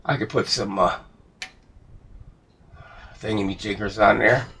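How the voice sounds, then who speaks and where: Clicks of handling and clearly audible background noise fill the indoor workshop where a hobbyist repairer thinks aloud, muttering a casual, rambling commentary as he works. His lowish voice is fairly bright in tone, with fairly even intonation and a slightly slow delivery.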